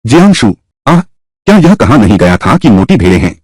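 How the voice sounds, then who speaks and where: A man dubbing a historical costume drama, voicing many characters in a lively, shifting way. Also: on the low side, fairly quick, husky, dry recording, clean studio sound. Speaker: dubbing narrator voicing all roles. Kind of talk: Hindi dub of a historical drama.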